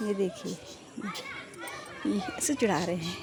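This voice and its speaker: A woman's voice: on the low side, takes it slowly, a crowd in the background, noisy background. A woman vlogger giving a playful, giggly running commentary to her viewers while filming outdoors on a rooftop. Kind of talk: casual vlog commentary.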